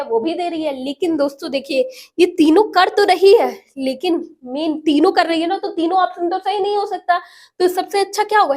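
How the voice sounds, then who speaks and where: A woman teacher going through exam practice questions, asking the class questions and answering them herself. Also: sits high. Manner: explains each option by asking and answering herself. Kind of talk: exam prep lesson.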